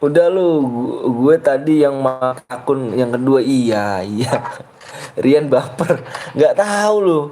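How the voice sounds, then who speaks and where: A man's voice: mid-range voice, slow, mellow, slight background noise. A young man, hosting a live game stream in casual chat. He argues with viewers and teases them, often breaking into laughter. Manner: argumentative and teasing, often laughing.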